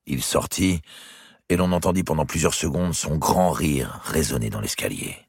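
A man reading a historical novel aloud as audiobook narrator, measured and expressive. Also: a bass voice, vocal fry, husky, dry recording, clean studio sound. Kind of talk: storybook narration.

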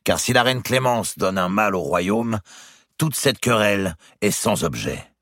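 A man voicing a calm, conciliatory prince who speaks with measured formality. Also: fairly low pitch, no room sound, clean studio sound, pitched above the performer's own voice.

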